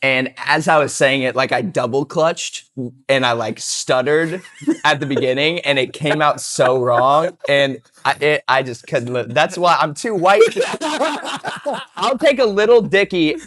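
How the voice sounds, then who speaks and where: A man's voice: a little high, measured pace, a bit bright, no echo. Chuckling man telling rambling stories. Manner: laughing, rambling storyteller. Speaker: guest. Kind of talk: casual podcast chat.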